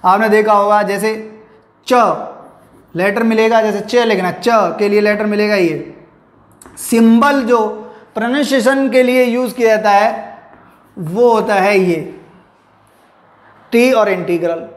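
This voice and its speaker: A man's voice: high-pitched, steady tone, slow pace, pauses often. A male English teacher giving a classroom lecture, explaining step by step, asking and answering his own questions, and mixing English terms into his Hindi. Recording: echoey room.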